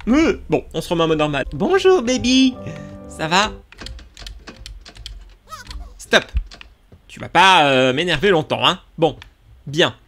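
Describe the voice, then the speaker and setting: A man giving excitable let's play commentary, talking to his viewers as he plays, with sudden yelps. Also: measured pace, pauses often, soft background music. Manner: excitable, talks to viewers while playing; sudden yelps and jumps in pitch. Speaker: gaming YouTuber.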